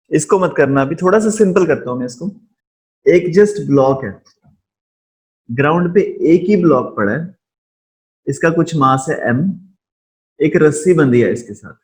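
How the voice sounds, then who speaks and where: Male physics teacher, live online class, slow deliberate delivery, frequent check-ins with students. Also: a little high, a little mellow. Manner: speaks deliberately slowly, checks in with students often. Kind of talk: live online lesson, mixing Hindi and English.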